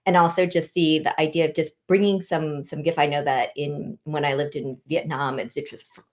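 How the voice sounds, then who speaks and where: A woman's voice: sits low, steady tone, fairly quick. A woman hosting a conversational interview, asking questions and giving encouraging murmurs. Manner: encouraging, frequent backchannel murmurs. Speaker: host.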